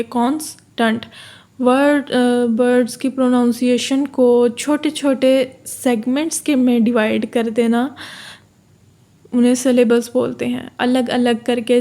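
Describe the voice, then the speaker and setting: A woman from Pakistan, tutoring for an exam, explaining slowly, repeating key terms and reading English definitions aloud. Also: fairly high pitch, dark tone. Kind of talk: exam-prep lecture.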